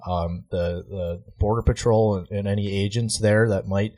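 A man's voice: lowish voice, fairly even intonation, moderate pace, mellow. A man co-hosting a podcast, explaining things earnestly and casually, with many fillers. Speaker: podcast co-host. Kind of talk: casual chat. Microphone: portable recorder.

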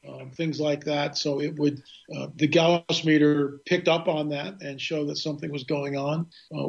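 Male guest storyteller, rambling delivery, fairly high voice, dull lo-fi sound. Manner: rambling, restarts often, clears throat. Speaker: guest filmmaker. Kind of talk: casual radio storytelling.

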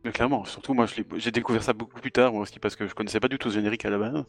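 A man's voice: fairly low pitch, fairly even intonation, racing. A man from Belgium, a podcast guest who gives blunt, slangy opinions. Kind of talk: casual podcast chat.

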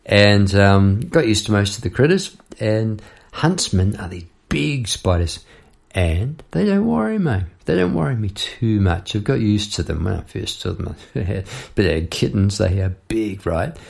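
Gravelly New man spinning a yarn. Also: lowish voice, big pitch swings, measured pace, darkish tone. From New Zealand. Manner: chatty, rambling, laughs between lines. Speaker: podcast host and songwriter. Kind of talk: casual storytelling monologue.

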